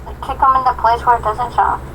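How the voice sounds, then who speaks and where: A woman's voice: a little high, little pitch movement, fairly quick, a bit bright. A young woman in casual voice-chat banter, slangy and teasing. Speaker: chat moderator. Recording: distant mic with faint noise.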